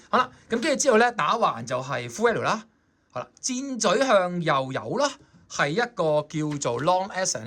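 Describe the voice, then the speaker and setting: Man, Hong Kong Cantonese accent, saxophone teacher, chatty, coaxing, fairly high voice, very lively pitch. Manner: chatty, coaxing, checks in with students. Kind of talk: explaining a score in a music lesson.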